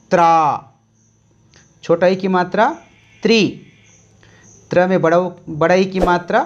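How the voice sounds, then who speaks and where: A teacher slowly dictating a Hindi syllable chart, calmly repeating each sound step by step for young pupils. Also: medium pitch.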